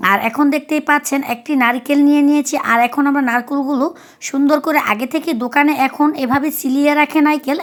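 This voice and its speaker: A woman from Bangladesh talks through a home recipe, explaining each step as she goes. Her voice sits high, and her delivery is chatty and easygoing. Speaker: cooking vlogger. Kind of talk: recipe narration.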